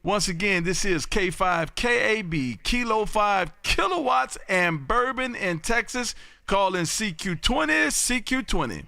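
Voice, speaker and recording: An American man hosts a lively ham radio live stream, chatting casually with callers in folksy, repetitive patter. His high-sitting voice is very animated, a little slow, creaky, pushed and bright. There is no room sound.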